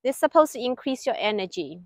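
Speaking fast with big pitch swings, a middle-aged woman with a fairly high voice walks through a qigong routine in short, clipped directive phrases. The setting is an outdoor lakeside paved terrace, yet the sound is clean and studio-like with no room sound.

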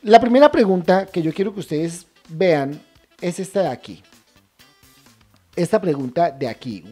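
A woman teaching English over a shared screen, checking in often with her viewers and saying English phrases slowly and deliberately. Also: low-pitched, dark tone, slightly rough. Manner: addresses viewers as a group, checks understanding often. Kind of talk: screen-share language lesson.

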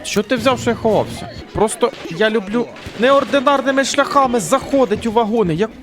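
A man's voice: extremely high pitch, brisk. A man giving casual let's-play commentary, chatty, swearing and joking to himself as he plays. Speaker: gaming channel host. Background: game music and gunfire.

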